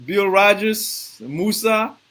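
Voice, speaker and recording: A man hosting a live video interview, asking halting questions full of fillers and giving viewer shout-outs. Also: sits high. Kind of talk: casual live-stream interview.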